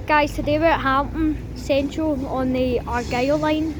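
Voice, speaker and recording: A woman's voice: sits high, steady tone, normal speed. A woman giving casual, informal running commentary on trains to her viewers from an outdoor station platform. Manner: informal, addresses viewers as guys. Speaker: trainspotting vlogger. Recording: noisy outdoor recording.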